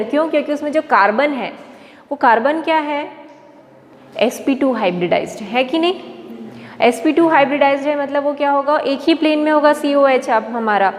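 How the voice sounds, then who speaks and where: A woman teaching a chemistry lecture, explaining step by step and asking questions she then answers herself. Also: sits high. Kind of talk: classroom lecture. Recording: long reverb, faint background noise.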